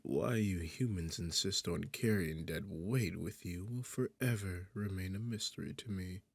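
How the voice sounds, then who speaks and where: A man's voice: low-pitched, a little slow, gravelly, dry recording, exaggerated voice. A man playing an arrogant, sarcastic demon king in a seductive fantasy ASMR roleplay, with a smug, teasing, condescending manner. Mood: haughty, unimpressed. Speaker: audio roleplay performer.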